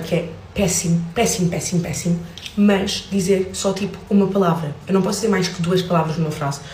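A woman's voice: on the low side, a little mellow. A woman with a European Portuguese accent, talking to camera in a playful, joking way and addressing viewers directly. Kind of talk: casual vlog talking to camera. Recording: roomy sound from away from the mic, faint noise.

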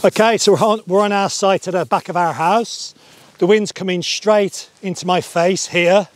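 A middle-aged man giving a relaxed paragliding lesson step by step on an open hillside, wearing a clip-on mic. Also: high voice, normal speed, no echo. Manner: relaxed, chatty, explains step by step. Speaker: paragliding instructor. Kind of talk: outdoor tutorial. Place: open grassy hillside outdoors.

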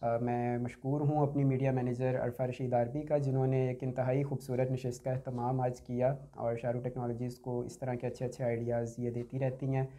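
A man's voice: medium pitch, flat delivery, a little fast, few pauses, warm tone. A middle-aged man hosting a panel, giving formal, polite closing thanks in a small studio on a desk mic. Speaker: host. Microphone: desk boom mic.

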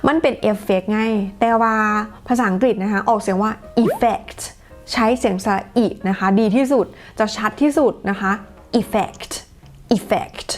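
A woman's voice: mid-range voice, soft background music. Chatty woman teaching pronunciation. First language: Thai. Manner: chatty, models words slowly and clearly. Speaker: English teacher. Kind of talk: casual pronunciation lesson.

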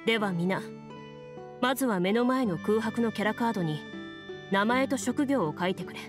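A woman voices a serious, composed young duelist in a Japanese anime game, explaining things formally like a game master in a composed, instructive mood. Her mid-range voice is animated and natural, at normal speed. It's a studio recording with music underneath.

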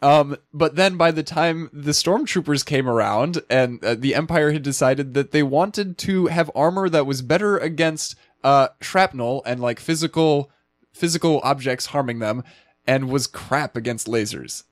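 A man's voice: a little high, moderate pace, no room sound. A man co-hosting a podcast, chatting casually through a film review with many fillers and frequent laughs. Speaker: podcast co-host.

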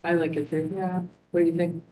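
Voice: mid-range voice, flat delivery, fairly quick, warm tone. A commission member giving blunt opinions and asking questions in a meeting discussion. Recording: echoey room with faint noise.

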